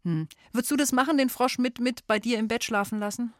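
A woman's voice: a little high, fairly quick, no room sound, studio quality. A woman hosting a children's call-in quiz on the radio, friendly and encouraging with young callers. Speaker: radio show host.

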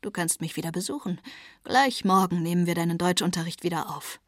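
A woman's voice: fairly low pitch, fairly quick, no room sound, studio quality, lightly acted. A woman reading a defiant young man. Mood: triumphant. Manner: jubilant, unbothered by authority. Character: young man, foreign lover, defiant, cheerful.

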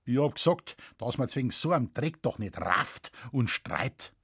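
A man voicing a burly, gruff forest warden who talks bluntly in an earthy Bavarian accent in a storybook reading. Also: mid-range voice, sing-song, moderate pace, a bit bright, no room sound, studio quality, full character voice. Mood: aggrieved. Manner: blunt, earthy dialect, drawling complaints.

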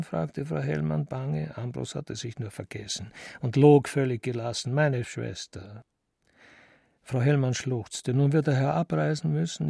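A man reading literary prose aloud as an audiobook narrator, in calm storytelling narration, lightly voicing the characters. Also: medium pitch, creaky, no room sound, studio quality.

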